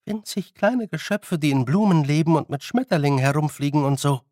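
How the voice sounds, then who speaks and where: A man's voice: lively intonation, a little mellow, no room sound, clean studio sound, natural voice. A man doing a tiny eager fairy. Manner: eager, rushing, high-pitched. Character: very small eager fairy man, naive storyteller.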